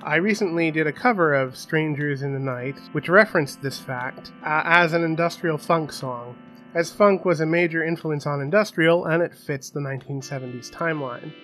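A man's voice: fairly high pitch, normal speed, a bit bright. A man hosting a casual educational video, talking as a paleontologist in a chatty, explanatory way. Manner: chatty, explanatory, asks rhetorical questions. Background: faint funky background music.

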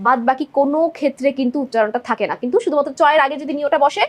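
A young woman teacher, her voice high and racing, leads an exam-prep lesson, working through multiple-choice answers step by step. She checks in with her students often.

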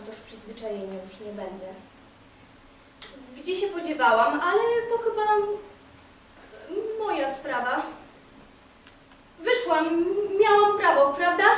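An actress playing a bitter, volatile jilted young woman on stage, sarcastic and veering between hushed and shouted lines. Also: sits high, a little hiss or hum. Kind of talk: stage monologue. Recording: very echoey, from far off.

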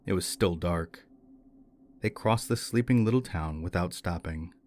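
Deep-voiced male folklore storyteller. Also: unhurried, a little mellow. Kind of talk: scripted folklore narration.

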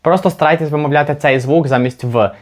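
Man patiently teaching pronunciation. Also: fairly high pitch. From Ukraine. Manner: patient, repeats example words slowly for demonstration. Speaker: English teacher. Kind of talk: language lesson.

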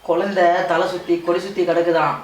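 A man's voice: sits high, level tone, fairly quick, natural voice. A man with a Ramnad Tamil accent playing a distressed husband who falters and keeps repeating reassurances to his wife. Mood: distressed, reassuring. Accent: southern Tamil, Ramnad. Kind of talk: amateur family drama. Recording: echoey room, mic far off.

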